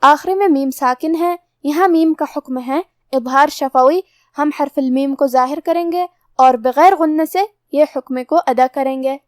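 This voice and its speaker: A woman with a high, light voice explains recitation rules step by step as a teacher. Her delivery is measured and methodical, and the sound is close and dry with no room echo. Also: a little mellow.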